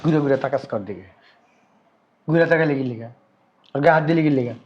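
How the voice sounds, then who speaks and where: A man's voice: medium pitch, brisk, darkish tone, dull audio, close to an everyday voice. A man playing a hardworking elder brother who sternly scolds his lazy sibling. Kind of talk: family drama acting.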